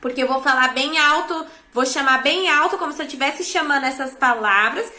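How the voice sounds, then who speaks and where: A woman's voice: high-pitched, a little fast, pushed and bright, reverberant. A woman teacher with a Brazilian Portuguese accent explains an assignment to her class patiently, often checking that the students follow along. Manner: patient, checks understanding with frequent tag questions. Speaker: schoolteacher. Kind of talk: classroom instruction.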